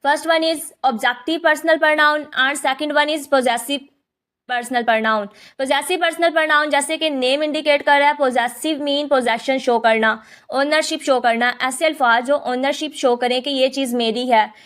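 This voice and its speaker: High-voiced woman teaching grammar. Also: moderate pace, fairly bright tone. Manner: explains in Hindi-English mix, repeats "ठीक है" often. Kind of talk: online lesson.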